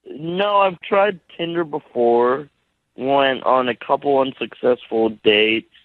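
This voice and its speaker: A man calling in to a radio show, telling his story slowly and hesitantly. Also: medium pitch, dry recording. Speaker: radio caller. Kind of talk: phone-in chat. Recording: tinny phone line.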